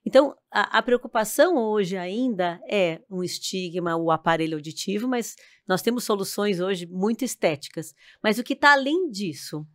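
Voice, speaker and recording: A woman, a speech and hearing therapist, explaining hearing loss on a podcast in a measured way, often adding "né?" tags. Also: medium pitch, expressive. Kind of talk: explanatory guest chat.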